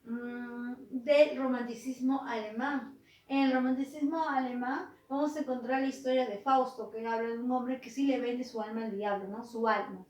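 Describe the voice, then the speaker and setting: A woman teacher, retelling a tale in a lively way, often ending with a tag question. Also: on the high side, normal speed, recorded from a distance. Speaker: literature teacher. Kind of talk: retelling a story in a lesson. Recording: roomy, from off the mic.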